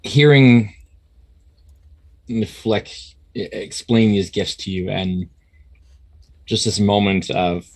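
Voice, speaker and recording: A man narrating a tabletop game as game master in a casual, halting, conversational way. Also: sits low, creaky.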